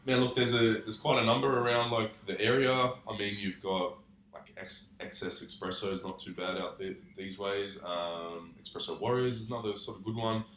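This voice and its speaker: A man's voice: lowish voice, fairly even intonation, moderate pace, fairly bright tone, a little hiss or hum. A young man, a physio guest, chatting in a laid-back, sweary way with many fillers. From Australia. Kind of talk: casual podcast chat. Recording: roomy echo.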